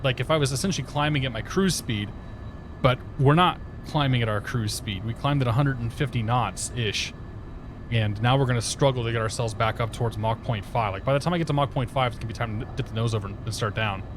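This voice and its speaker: On livestream headset audio, a man streams a flight simulator session, chatting casually and greeting viewers by name as he flies. His voice is medium-pitched and brisk, with background noise behind it.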